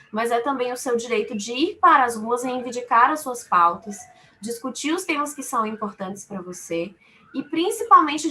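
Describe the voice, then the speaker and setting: A lawyer from a law firm, speaking as a panel speaker, gives an unscripted explanatory webinar talk with a Brazilian accent from Salvador, Bahia. Her voice is fairly high, pushed, and bright. She teaches in a didactic way, using everyday examples and repeating her phrasing.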